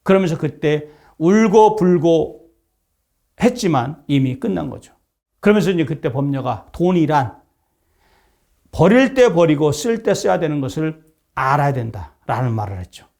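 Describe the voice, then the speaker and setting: A man's voice: a little high, big pitch swings, normal speed, vocal fry, a little mellow. A middle-aged man lecturing as a professor, retelling a historical story and acting out its characters' lines.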